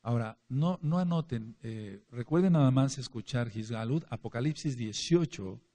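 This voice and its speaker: A man's voice: mid-range voice, normal speed, dark tone. A man preaching a Bible study to a congregation, emphatic, repeating key words and speaking to his listeners directly. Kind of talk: sermon-style Bible teaching.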